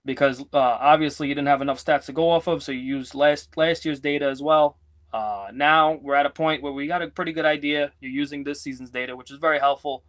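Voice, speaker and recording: A man's voice: fairly high pitch, fairly even intonation, brisk, a bit bright. A man co-hosting a sports betting podcast in casual banter, joking around, rambling and teasing his partner.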